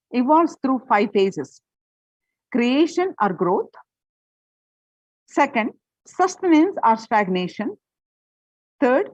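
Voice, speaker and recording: Woman reading an article aloud, lively pitch. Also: no room sound, highs cut off. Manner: reads a prepared text aloud with occasional fillers and restarts. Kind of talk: read-aloud presentation.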